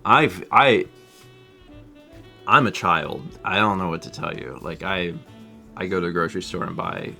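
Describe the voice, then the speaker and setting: This thirty-something co-host speaks in a low, creaky, bright and forceful voice, unhurried and with long pauses, over soft background music. He rambles through viewer comments on the live stream, laughing often and putting himself down.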